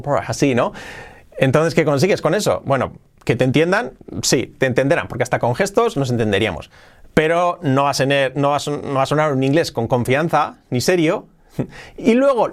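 A young man from Spain with a Spanish accent, hosting a casual video lesson on learning English. He talks in a lively way and often repeats himself. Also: mid-range voice. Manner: lively, repeats himself, quick asides and laughs. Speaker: English teacher, channel host.

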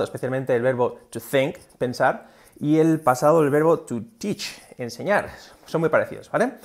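Gravelly man teaching English. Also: mid-range voice. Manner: explains with many fillers and restarts, models English words. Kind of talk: casual video lesson.

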